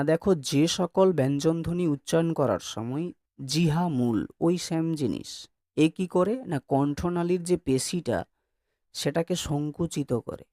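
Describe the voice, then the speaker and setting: A man's voice: fairly high pitch, mellow, no room sound. Guy teaching a class, keeps nudging students to answer, repeats sounds to show them, dry mic. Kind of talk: classroom lecture.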